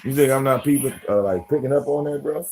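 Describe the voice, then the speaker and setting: A man in his forties hosting a live stream, talking bluntly in profane slang and slipping into soft baby talk with his pets. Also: mid-range voice, quick pace, slight background noise. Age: 40s. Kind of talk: casual live-stream rant.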